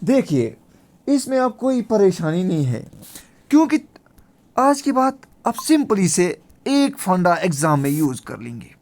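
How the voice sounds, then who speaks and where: Guy teaching grammar, asks stuff then answers it himself, keeps repeating words. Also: sits high. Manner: explains step by step, repeating key words. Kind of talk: classroom grammar lesson. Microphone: screen recording with slides.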